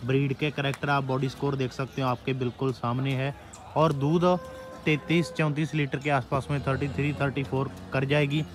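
Host at an outdoor cattle market, man, mid pitch, steady plain delivery, talks to farmers. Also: normal speed. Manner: plain and steady, addresses farmer brothers directly. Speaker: channel host. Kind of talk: presenting cattle rates to farmers.

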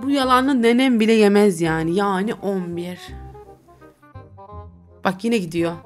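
A woman's voice: medium pitch, a little slow, soft background music. A woman streamer giving casual, teasing commentary over a role-play game, often breaking into giggles. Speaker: gaming streamer.

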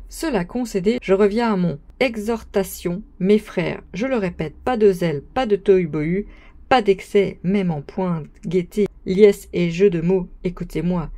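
A woman's voice: mid-range voice, mellow, natural voice. A woman voicing a pompous young male student who lectures his friends in a grand, sermonizing manner, read as an audiobook. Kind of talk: audiobook reading.

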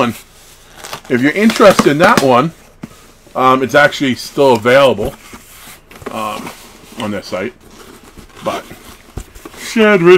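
Indoors in a small wood-panelled room at home, a horror collectibles vlogger in his thirties chats casually through an unboxing, rambling and interrupting himself with asides. His mid-range voice is a bit bright, with a slight hiss or hum.

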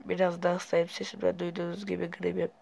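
A man's voice: high voice, monotone, quick pace, creaky, a little mellow, slight background noise. A young man giving casual, rambling gameplay commentary while sleepy, with sudden startled outbursts. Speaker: gaming YouTuber.

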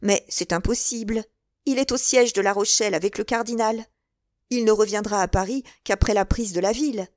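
A woman's voice: mid-range voice, normal speed, a little mellow, no room sound, natural voice. Cold scheming noble lady, a woman reading her, guarded, asks things warily, dry audiobook. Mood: doubting.

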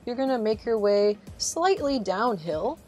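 A travel vlog host speaks straight to the listener in a casual, encouraging voice-over that guides them through something, with music playing behind her. Her voice is on the high side and a little mellow, with lively intonation and a measured pace.

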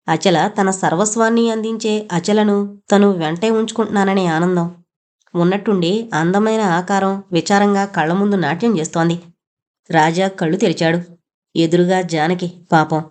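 A woman's voice: lowish voice, fairly even intonation, moderate pace, darkish tone. A woman reading a novel aloud, speaking the characters' dialogue in her own voice. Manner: reads male and female characters' lines in her own voice. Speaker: audiobook narrator.

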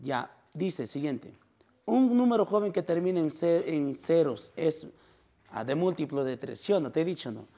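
A man's voice: fairly high pitch, animated, normal speed, dark tone. A man with a Peruvian accent teaching math to a classroom, constantly quizzing his students and calling them "joven". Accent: Peruvian Spanish.

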